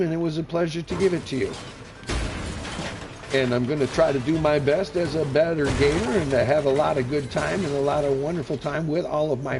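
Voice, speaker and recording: A middle-aged man streaming a game, rambling in a folksy, effusively friendly way and repeating himself. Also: fairly high pitch. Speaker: gaming streamer. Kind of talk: casual live gameplay commentary.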